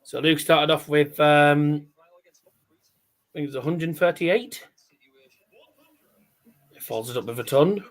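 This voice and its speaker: Male darts stream host, slightly high voice. Chatty, rambling commentary, scores called out like a darts caller. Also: measured pace, pauses often. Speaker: host of a live darts watch-along stream. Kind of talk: casual live sports commentary.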